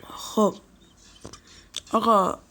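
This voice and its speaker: A man's voice: bright, forceful tone, whispered. A man with a cold giving chatty let's-play commentary, nasal, talking to viewers and scolding the game's characters. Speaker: gaming YouTuber.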